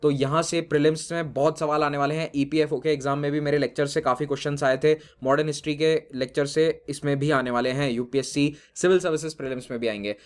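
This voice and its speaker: A man teaching an exam-prep lesson, giving brisk, firm advice to students and mixing in English phrases. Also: fairly high pitch, steady tone. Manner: brisk, direct, mixes Hindi with English phrases; addresses students informally, reassuring and firm.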